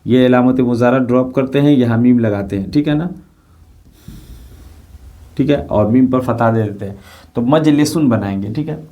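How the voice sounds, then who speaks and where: Male teacher, middle-aged, warm low-toned delivery; patient lecture style, repeats key terms, frequent rhetorical check questions. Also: normal speed, long pauses. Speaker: Arabic grammar teacher. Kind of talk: classroom lecture explaining grammar.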